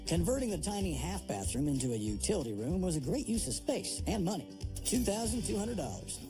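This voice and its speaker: A man's voice: sits high, fairly quick, over music. A man narrating a home renovation show in a punchy, scripted way. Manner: lively, punchy delivery.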